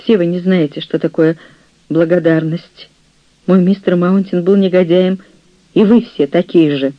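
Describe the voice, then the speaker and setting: A man reading an audiobook, voicing an older, jealous and scheming nurse, a widow, in a shrill, reproachful way. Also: fairly even intonation, unhurried, no echo, highs cut off. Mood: aggrieved.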